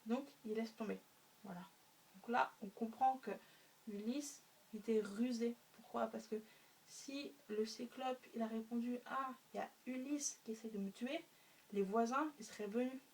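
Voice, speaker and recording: A woman's voice: a little high, moderate pace, darkish tone. A woman retelling a story for a class, hesitant, with many fillers and spoken sound effects. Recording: faint room noise, mic a bit distant.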